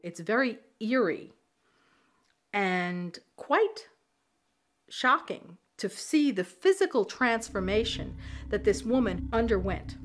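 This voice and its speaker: A woman's voice: mid-range voice, lively intonation, takes it slowly. A woman interviewed for a documentary, telling the story with dramatic emphasis. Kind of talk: interview recollection.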